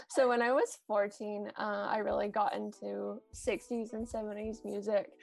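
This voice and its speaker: Creaky New Zealand woman, flat delivery. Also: mid-range voice, a little slow, no echo, soft background music. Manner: chatty, many ums, laughs often. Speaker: vintage shop owner, guest. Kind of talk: casual interview.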